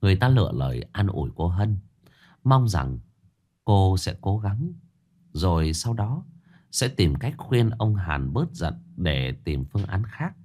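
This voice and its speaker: Deep, expressive male storyteller. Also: measured pace. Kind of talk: dramatic scripted narration of a village tale.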